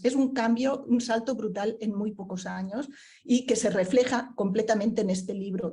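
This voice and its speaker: On the high side yet mellow, a woman from Barcelona talks through a book presentation as a panelist. Thoughtful and searching for words, she uses fillers and tag questions frequently.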